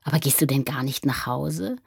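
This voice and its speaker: A woman voicing a kind older man who talks softly and coaxingly to a child. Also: rumbling low, moderate pace, gravelly, husky, no room sound, studio quality, heavily acted. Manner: soft, coaxing, kindly. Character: gentle older man with crooked legs.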